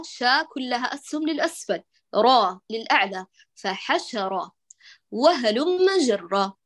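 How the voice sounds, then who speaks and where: A woman teaching Quran recitation to women, explaining step by step and sounding out letters slowly to show them. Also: on the high side. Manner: instructive, repeats and demonstrates letter sounds slowly. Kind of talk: spoken lesson to women students.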